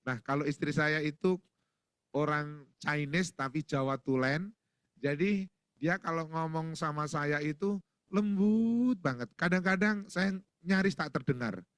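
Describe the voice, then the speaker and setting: A man's voice: fairly high pitch, unhurried, fairly bright tone, dry recording, clean studio sound. A middle-aged male pastor preaching a sermon in a church, folksy and joking, acting out little household exchanges.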